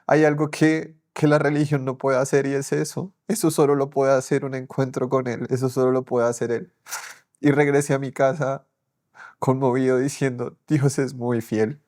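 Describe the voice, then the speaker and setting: A young man shares a faith testimony in an earnest, storytelling way, his voice sitting at an ordinary middle pitch. He often acts out his own past words as he recounts them. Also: level tone, normal speed, a little mellow. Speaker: testimony speaker.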